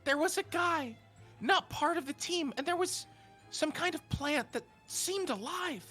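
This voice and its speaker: A man reading several characters in a casual script read-through, cursing and starting lines over. He speaks slowly with a bright, sharp tone. His pitch swings widely, with faint music under him. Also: lively intonation. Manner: slow, swearing, self-correcting. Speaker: streamer reading character parts. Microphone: home streaming mic.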